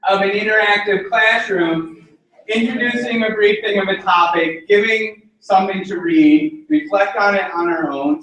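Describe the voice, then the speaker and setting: A man leading a classroom workshop, chatty and halting, with frequent restarts. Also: high voice, a bit bright. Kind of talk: classroom presentation. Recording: echoey room, from far off.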